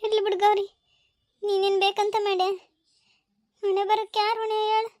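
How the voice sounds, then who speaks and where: A woman's voice: extremely high pitch, flat delivery, normal speed, a little mellow, no room sound, clean studio sound. A woman with a North Karnataka Kannada accent playing an anxious village mother in a family comedy-drama, talking in an emotional, pleading and scolding way.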